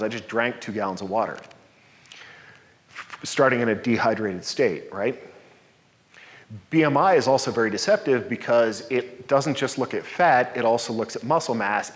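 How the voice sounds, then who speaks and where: A man in his forties giving an upbeat slide talk at a podium, explaining and mixing in personal examples. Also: mid-range voice. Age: 40s. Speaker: presenter. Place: dark lecture hall, standing at a podium. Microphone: podium mic from a distance. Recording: reverberant hall, voice from afar.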